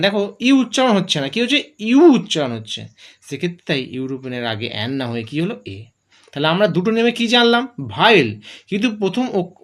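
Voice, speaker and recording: Grammar rules get unpacked methodically by a male English teacher. He asks himself question after question and supplies the answers, his high voice bouncing with vivid emphasis.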